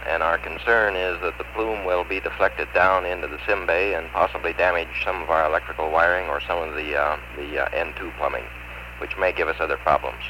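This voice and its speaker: A man speaking as mission control on astronaut radio, in measured, hesitant technical phrases over a radio link. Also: low voice, steady tone. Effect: space-mission radio transmission. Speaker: mission control spacecraft communicator. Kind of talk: astronaut radio communication, procedural. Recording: noisy, humming archival radio link.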